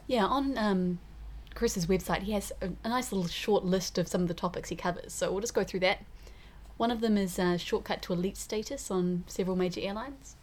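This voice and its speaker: A woman's voice: mid-range voice, a little fast, darkish tone. A woman with a New Zealand accent co-hosting a podcast, giving frank, opinionated opinions in casual chat. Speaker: podcast co-host.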